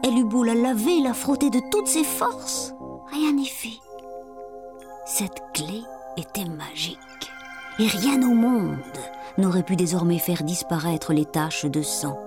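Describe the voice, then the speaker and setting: A woman reads a fairy tale aloud with expressive, dramatic delivery. Her pitch is medium for a woman. Music plays clearly beneath her voice. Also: measured pace. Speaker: storyteller. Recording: music playing behind.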